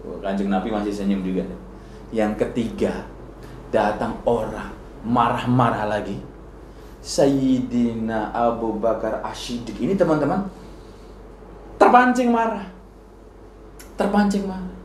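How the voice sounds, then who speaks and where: A man hosting a casual Islamic talk show, lively and telling stories with acted-out voices. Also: fairly low pitch, measured pace, reverberant, slight background noise. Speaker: host and Islamic preacher.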